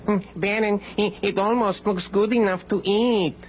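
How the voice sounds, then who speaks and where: A dim, deferential henchman from a campy horror host show, acted out by a performer, speaking in a slow, simple way. The recording is muffled old television tape with clear noise over it. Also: mid-range voice, fairly even intonation, lightly acted. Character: slow-witted servant sidekick of a horror-host vampire. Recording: dull, noisy old TV tape, distant.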